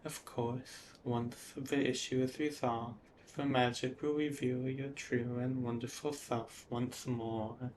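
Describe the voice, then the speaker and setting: Slow, even-toned man guiding hypnosis, noisy background. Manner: soothing, measured, with drawn-out pauses. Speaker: hypnosis narrator. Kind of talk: scripted guided hypnosis narration. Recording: steady background noise, low rumble.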